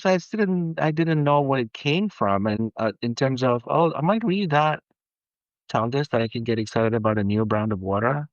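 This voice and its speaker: A man from Argentina, a perfumer, talking as a guest in a casual interview, halting with many restarts and growing animated when excited. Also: mid-range voice, no room sound, muffled recording.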